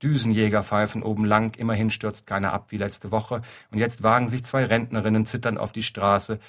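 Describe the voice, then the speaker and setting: A man reading a literary story aloud in a dry, deadpan narrating manner. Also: lowish voice, fairly quick. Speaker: reader.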